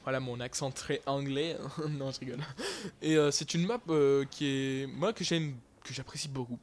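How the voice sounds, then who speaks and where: Young male gamer, casual live commentary, lots of fillers, mid-pitched voice. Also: steady tone, moderate pace. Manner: casual, rambling, many fillers and restarts. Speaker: gaming YouTuber.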